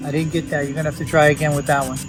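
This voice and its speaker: A man hosting a paranormal vlog, speaking in a hushed, coaxing way as he addresses spirits in a cemetery at night. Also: fairly high pitch, level tone, rapid-fire, over loud music, rough recording. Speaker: paranormal investigator host. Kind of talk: casual vlog narration.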